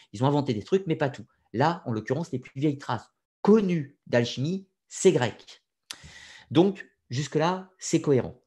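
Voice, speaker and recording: Male lecturer, husky and hesitant, casual, opinionated. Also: medium pitch, darkish tone. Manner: conversational, frequent hesitations, opinionated asides. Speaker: lecturer on occult history. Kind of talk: informal spoken lecture.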